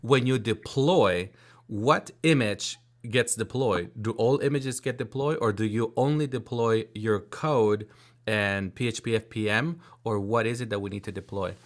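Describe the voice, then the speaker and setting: A man hosting a casual technical chat, thinking aloud with frequent restarts and asking follow-up questions. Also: on the low side. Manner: halting, many fillers and restarts, inquisitive.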